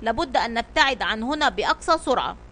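A woman's voice: fairly high pitch, lively intonation, fast talker, sharp tone. A woman voicing a worried male sailor in a storybook, exclaiming anxiously.

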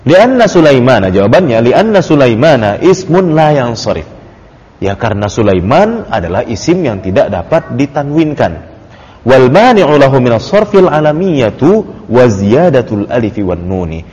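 A man's voice: medium pitch, sing-song, normal speed, darkish tone. A man teaching Arabic grammar in an informal study circle, explaining patiently with many fillers and easy laughter. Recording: dull lo-fi audio with long reverb.

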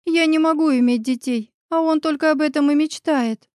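A woman's voice: high-pitched, moderate pace, a little mellow, no room sound, studio quality, voice pushed up, natural voice. A woman voicing a heartbroken young woman who sobs as she speaks. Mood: bitter. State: sobbing. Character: tearful young woman friend, heartbroken and resigned.

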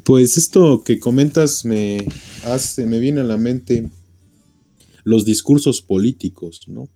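A man speaking as a guest on a radio discussion, measured and deliberate. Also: medium pitch, warm tone. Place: radio studio.

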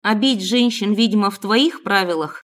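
A woman voicing a sharp-tongued young captive woman answering back defiantly. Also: medium pitch, moderate pace, lightly acted.

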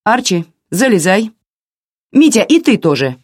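Reader playing a bold, self-assured young woman, calm and firm, with a lively, sly lilt. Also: mid-range voice, moderate pace, no echo, clean studio sound, voice pushed up. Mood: brisk. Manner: calm, firm commands and light teasing.

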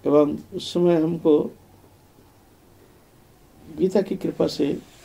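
An older man giving a devotional spiritual discourse, telling his life story in a reflective way with repeated phrases and soft trailing fillers. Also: on the high side, steady tone, very slow, vocal fry, husky. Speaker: spiritual speaker.

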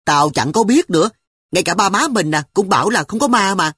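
A cheeky young older brother from an audiobook, voiced by the reader. His lively voice leaps up and down and has a husky grain. The sound is dry and close. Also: mid-range voice, brisk, dry recording, voice pushed up. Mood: defensive. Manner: conspiratorial, defensive. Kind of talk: audiobook character voice.

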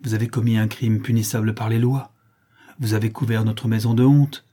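A man's voice: on the low side, level tone, fairly quick, warm tone, husky. A man voicing a proud, imperious older countess in an audiobook, speaking in a haughty, commanding way. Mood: stern. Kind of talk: audiobook character reading.

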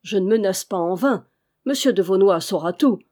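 A young noblewoman of high birth, played by a woman reading the novel aloud. She speaks haughtily and accusingly, her voice mellow and warm. An audiobook reading. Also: animated, normal speed, natural voice. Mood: distraught. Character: proud young noblewoman, indignant and frightened.

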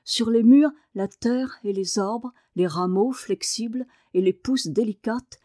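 Woman narrating with a dark, mellow voice. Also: a little high, dry recording, studio quality. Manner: measured, expressive narration. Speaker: audiobook narrator. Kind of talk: reading a novel aloud.

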